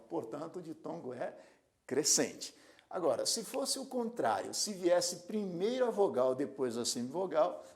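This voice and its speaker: Man teaching grammar with lively intonation. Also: on the high side. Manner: slow, explanatory, repeats key terms and asks rhetorical questions; corrects slips aloud. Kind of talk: recorded classroom lesson.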